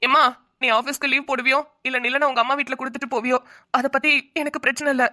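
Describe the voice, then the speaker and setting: A fretful cartoon mother-in-law, acted by a woman, doting and dramatic in her worry. Her voice is high-pitched and bright. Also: little pitch movement, fast. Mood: fussing. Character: fussy doting mother-in-law, middle-aged. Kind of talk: cartoon voice acting.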